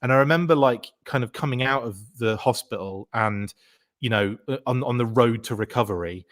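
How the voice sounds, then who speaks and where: Guy in his 40s rambling through old memories, lots of ums and likes, middle pitch. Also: a little fast. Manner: rambling, full of fillers and restarts. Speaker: podcast guest. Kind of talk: casual chat.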